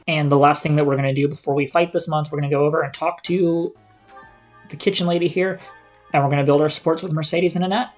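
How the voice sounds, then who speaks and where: A man's voice: fairly high pitch, fairly even intonation, quick pace. Man casually streaming a game, music behind. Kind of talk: casual live gameplay commentary. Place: indoors, voice over game audio.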